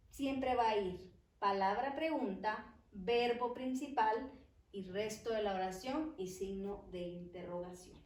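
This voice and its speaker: A woman teaching an English grammar lesson, explaining slowly and carefully and drawing out each example word. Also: a little high. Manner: slow, careful, stretches example words while writing. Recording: echoey room, voice from far off the mic.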